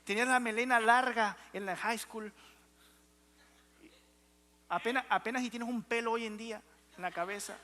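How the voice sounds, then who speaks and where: A man's voice: very high voice, moderate pace, long pauses, sharp tone. A young adult man preaching a sermon as pastor, emphatic and calling out to the congregation in a church. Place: church hall. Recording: reverberant church hall.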